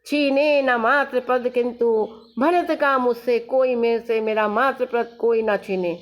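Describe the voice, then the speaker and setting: A woman teacher with a high-pitched voice works through a poem line by line. She recites each verse and then restates it in plain everyday words for her students. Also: steady tone, unhurried. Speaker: Hindi teacher.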